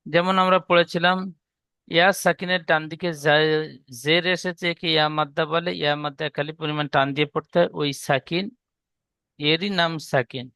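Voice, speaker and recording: Bengali guy teaching quran reading, bit high clear voice, goes over rules again and again. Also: little pitch movement, moderate pace, sharp tone, dry recording, studio quality. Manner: explains step by step, has students repeat the rules aloud. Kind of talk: slow recitation lesson with repetition.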